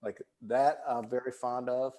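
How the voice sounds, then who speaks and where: A man's voice: mid-range voice, level tone, a little slow, mellow. Male co-host, chatty and enthusiastic, ordinary middle voice. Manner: enthusiastic, rambling descriptions. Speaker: podcast co-host. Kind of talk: casual chat.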